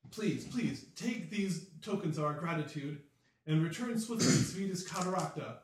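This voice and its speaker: Flustered court steward, played by a man, higher pitch, rushed repeated pleas, echoey distant sound. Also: animated, a little hiss or hum, lightly acted. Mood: fussy. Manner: hurried, repetitive pleading. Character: fussy hurried male court steward, the Seneschal. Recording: roomy, distant mic.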